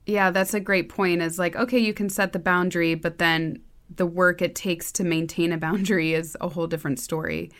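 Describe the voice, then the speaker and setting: Low-voiced woman hosting a podcast. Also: fairly even intonation, a little fast, fairly bright tone. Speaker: podcast host. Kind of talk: casual interview chat.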